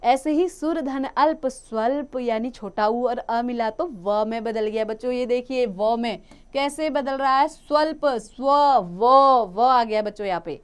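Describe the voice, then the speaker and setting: A woman's voice: on the high side, clean tone. A woman teaching a grammar lesson to children, explaining step by step and asking questions she answers herself. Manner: addresses children, often drawn-out words.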